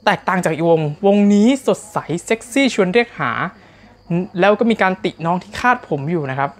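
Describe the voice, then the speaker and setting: A man's voice: sits high, animated, brisk. A man narrating a casual recap of a TV competition, speaking straight to his viewers in a chatty, polite way.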